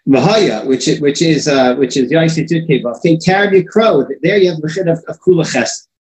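A man with a slightly higher voice gives a loose, conversational religious lesson to a few listeners. He circles back, repeats words and restarts sentences as he thinks aloud. The sound carries a clear room echo. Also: moderate pace, a little mellow. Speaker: religious teacher. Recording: echoey room.

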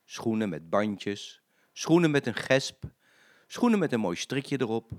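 An older man, a grandfather, reading a children's story aloud in an expressive, sing-song way. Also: mid-range voice, measured pace.

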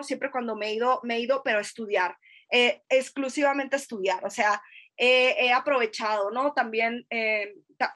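Her voice is on the high side and a little bright: a thirtysomething woman from Sonora, speaking with a northern Mexican accent, swaps personal stories as a podcast guest. She's hesitant and conversational, full of fillers and tag questions.

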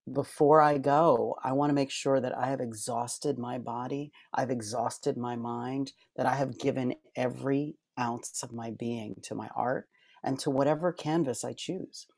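Speaking in a mid-range, slightly mellow voice, a middle-aged author reflects sincerely as a guest on a podcast. He often restarts and uses lots of fillers. The recording is dry, with clean studio sound.

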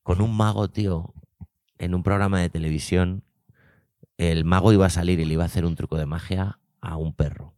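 Deep-voiced guy from spain, comedy podcast host, tells stories all animated, dry close mic. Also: fairly quick, dry recording. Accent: Spain Spanish. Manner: animated storyteller, acts out voices and shouts. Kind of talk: casual comedic chat and storytelling. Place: at a table with microphones. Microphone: podcast table mic.

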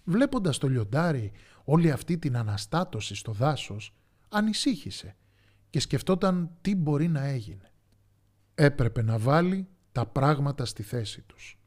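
A man narrating a children's folk tale in an expressive, sing-song way. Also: fairly high pitch. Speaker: storyteller.

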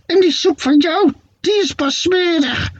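A man voicing a shrill, bickering old witch who screeches scornful insults in a storybook reading. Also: measured pace, no room sound, lo-fi sound.

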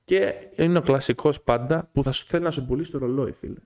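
A young man, co-host of a podcast, chatting casually in a studio as an animated storyteller who swears a lot. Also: mid-range voice.

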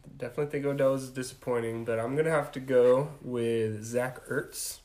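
A man's voice: medium pitch, fairly even intonation, fairly quick, a little mellow. A man on a casual podcast panel, starting his thoughts with hesitant "uh"s. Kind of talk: casual chat about fantasy football.

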